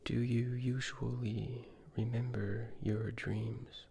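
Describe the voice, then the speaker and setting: An ASMR host speaking in a soft, breathy, soothing whisper, gently asking the listener questions with long pauses, close to the microphone. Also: medium pitch, level tone. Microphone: close ear-to-ear microphone.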